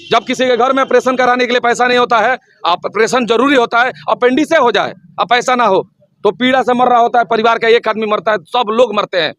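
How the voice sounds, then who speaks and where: Middle-aged man, high-pitched, fiery candidate voice, punchy rhetoric, slogans on repeat. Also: pushed and bright. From Siwan district, Bihar, India. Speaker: local election candidate. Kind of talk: impassioned campaign interview.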